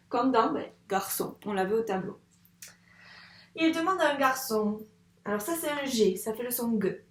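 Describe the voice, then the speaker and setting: A woman teaching reading to young children, speaking in a patient, encouraging, slow and careful way. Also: high-pitched, roomy sound. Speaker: first-grade teacher.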